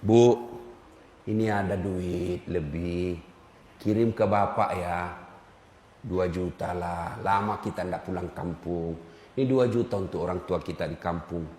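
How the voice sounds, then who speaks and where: A man preaching puts on a timid husband's voice, speaking softly, slowly and low. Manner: soft, slow, hushed pleading. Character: meek middle-aged husband, timid. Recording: echoey hall, faint noise.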